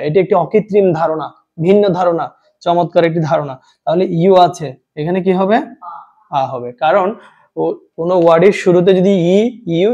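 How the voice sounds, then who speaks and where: A man teaching an English grammar lesson to a class, quizzing students and reading example sentences slowly. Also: high-pitched, dark tone, dull audio. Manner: drills students with questions and answers, reads example sentences slowly.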